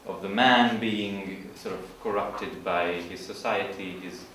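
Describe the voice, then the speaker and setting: A man giving an informal literature presentation, explaining in a halting way and searching for his words. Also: low voice, fairly bright tone. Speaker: student presenter. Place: large room at an evening school event. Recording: echoey hall from far off, faint noise.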